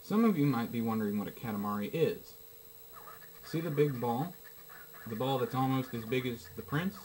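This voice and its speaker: A man reviewing a video game as he plays, giving casual commentary in short, halting phrases with asides. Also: mid-range voice, rough recording.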